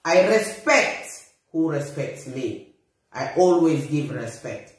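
Filming herself on a phone in a small bare room with heavy echo, a middle-aged woman with a Bissau-Guinean accent launches into an indignant, confrontational rant, blunt and emphatic. She has a low voice with lively intonation and takes her time.

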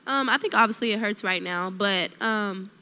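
A young woman, a college basketball player at a postgame press conference, speaking softly with many fillers into a table microphone. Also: mid-range voice, moderate pace. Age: young adult. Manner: soft-spoken, many fillers. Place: press room with sponsor backdrop. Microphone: table mic on a stand.

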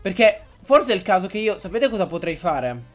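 A young man with a high voice gives excitable Let's Play commentary. He swears freely and keeps breaking into outbursts at the game. Faint game music plays behind him. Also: fairly quick. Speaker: gaming YouTuber.

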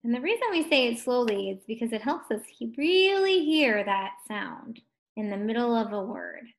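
A young woman teaching a first grade phonics lesson online, encouraging and stretching words out slowly. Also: fairly high pitch, very animated. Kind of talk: distance learning phonics lesson.

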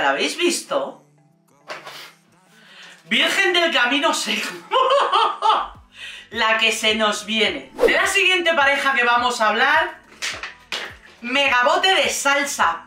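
A woman offers casual, sarcastic commentary on a reality show, expressively mimicking the people she quotes in their voices. Her fairly high voice sounds roomy, recorded from a distance.

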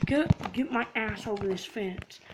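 A woman hosting a casual gaming video, loud, profane and excitable. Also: medium pitch, unhurried, background noise. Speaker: gaming channel host.

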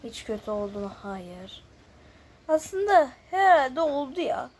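Her voice sits high, sing-song and breathy, and she speaks slowly as host of a gaming video, chatting casually during a guessing game. She trades muttered, often near-whispered asides for louder remarks to viewers. The audio is poor, with noticeable background noise and clicking.

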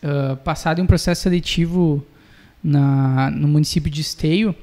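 A young adult man with a southern Brazilian gaúcho accent chats casually as a guest musician. His voice is a little high but dark in tone, steady at a moderate pace. He speaks into a close studio mic on a boom arm in a small indoor podcast studio.

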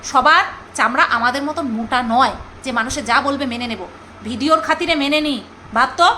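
A woman vlogger chats her way through a commentary on someone else's videos. Her voice sits very high and sounds bright and crisp as she teases and scolds. A faint noise runs under the recording. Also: poor audio. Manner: chatty, teasing, scolding, mock-mimics others. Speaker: vlogger reacting to another creator. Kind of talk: casual commentary vlog.

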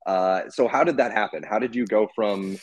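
Speaking at a moderate pace in a lowish voice, a young writer interviews a guest via video call, asking casual questions packed with fillers. The recording is dry, and the video call audio comes across as dull and lo-fi.

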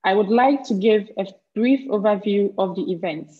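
A woman's voice: mid-range voice, normal speed, husky. A woman moderating an online briefing, reading a scripted introduction over a video call. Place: small indoor room. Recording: dull lo-fi video call audio.

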